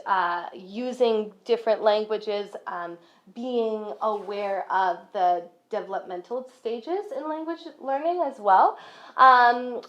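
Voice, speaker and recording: A woman from a school's language program talking casually to parents in a friendly, chatty way. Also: fairly high pitch. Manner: friendly, chatty, many fillers. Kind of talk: casual presentation talk. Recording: dull lo-fi recording.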